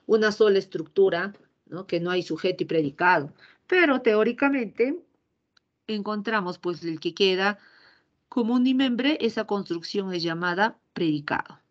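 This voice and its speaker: A woman's voice: mid-range voice, normal speed, highs cut off. A woman teacher giving a grammar lesson, explaining patiently and often checking in with short tag questions.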